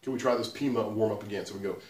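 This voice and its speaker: A man teaching guitar fingerpicking in a relaxed way, counting beats aloud as he demonstrates. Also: fairly low pitch, racing, far from the mic. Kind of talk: instructional demonstration. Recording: roomy sound from off-mic, loud guitar. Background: loud guitar playing.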